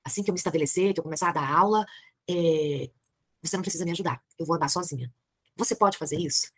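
A woman's voice: on the low side, fast talker, breathy edge, dry recording, clean studio sound. A Brazilian woman reading a novel aloud, voicing a young woman who speaks earnestly and firmly. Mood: resolute. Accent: Brazilian Portuguese.

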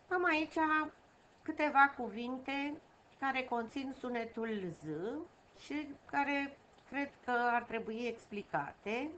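A woman teaching a lesson for young children, patient and repeating key words slowly. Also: on the high side, a bit bright. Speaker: primary school teacher. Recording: dull home recording with faint noise.

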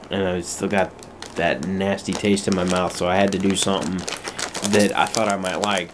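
Deep-voiced young man, casual food review. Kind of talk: casual video review, chatting to viewers. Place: small home room indoors. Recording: noisy room, bag crinkling.

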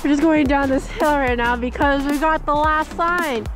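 Young woman, travel vlogger, excitable and chatty, handheld camera, music bed behind. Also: sits high, moderate pace. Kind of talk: casual vlog chat to camera. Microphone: handheld action camera at arm's length. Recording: background music under the voice.

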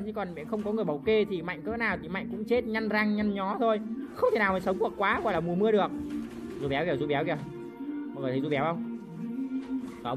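A woman giving excitable live commentary over her mobile game play, jumping between loud outbursts and low muttering, swearing playfully. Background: game background music.

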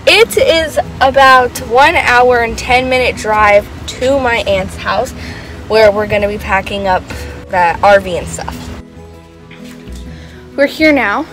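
Brief: teen girl vlogger, high bright voice, chatty and upbeat, music under her. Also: poor audio. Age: teens. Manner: chatty, upbeat, says "like" a lot. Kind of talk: casual vlog narration. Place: camper and car, indoors.

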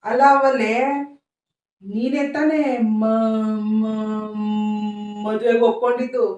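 A woman voicing a meek young son who stutters on his first syllables and speaks slowly, heard in an echoey room from a distance. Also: a little high, fairly even intonation, lo-fi sound. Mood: stammering.

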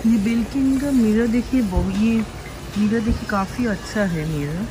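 A woman films a shop-with-me vlog on a handheld phone inside a large warehouse store, chatting casually and describing each item she picks up. Her voice is fairly high at a normal speed, and the audio is echoey with loud store noise.

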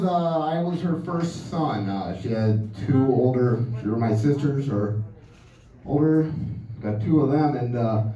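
A man's voice: mid-range voice, mellow, recorded from a distance. A man in his thirties with a lisp, doing a self-deprecating stand-up comedy set on a club stage. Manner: self-deprecating, dry delivery. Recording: dull, roomy club recording from afar.

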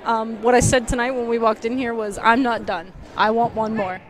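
Speaking at a moderate pace with little pitch movement, a woman in her thirties who coaches high school volleyball takes postgame questions. She replies earnestly, using lots of ums, into a headset mic beside the court of an empty gym.

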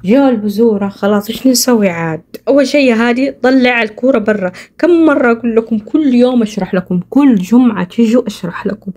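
A woman's voice: a little high, fast talker, hardly any pauses, dark tone. A woman voicing herself as an exasperated aunt in a game role-play, scolding the kids.

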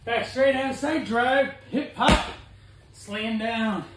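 A man in his thirties, a fitness coach, talking through a workout in an energetic, instructive way in his home barn gym. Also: very high voice, very noisy. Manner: energetic, instructive, brisk cues. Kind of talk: workout vlog narration. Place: large home gym in a barn with metal walls. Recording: echoey barn room.

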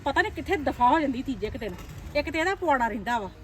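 A woman playing a scheming, complaining mother-in-law in a family drama, sharp-tongued and muttering plans to herself. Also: fairly high pitch, very animated, fast talker. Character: scheming, nagging middle-aged mother-in-law.

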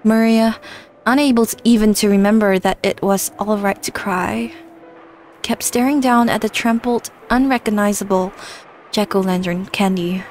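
A woman's voice: medium pitch, fairly even intonation, normal speed, darkish tone, a little hiss or hum. A woman streamer reading game narration aloud with earnest storytelling and wry asides.

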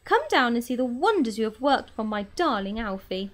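A woman voicing an excitable, gushing grown woman who adores her pet tortoise, with a shrill, excited manner. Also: brisk. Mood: gushing warmth.

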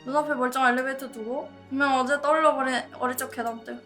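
A woman's voice: high voice, fairly even intonation, fast, a bit bright, soft background music. A woman streaming a horror game, commenting and reading the text aloud in a scared, jumpy manner with exclamations. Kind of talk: gameplay commentary with on-screen text read aloud.

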